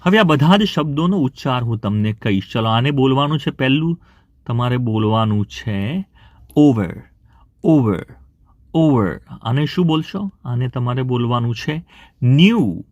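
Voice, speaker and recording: A man's voice: mid-range voice, lively intonation, dry recording, muffled recording. A male teacher with a Gujarati accent running a beginner English vocabulary lesson. He says each word aloud several times and counts down the practice time. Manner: repeats each word slowly and loudly, counts down.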